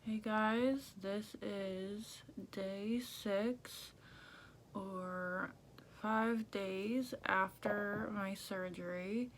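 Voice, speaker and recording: A tired, congested woman vlogging casually and haltingly, with restricted jaw movement as if her mouth were banded shut and swollen. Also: medium pitch, steady tone, a little hiss or hum. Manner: slow, halting, subdued. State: sore, swollen mouth after jaw surgery. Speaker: video blogger. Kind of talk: casual recovery vlog.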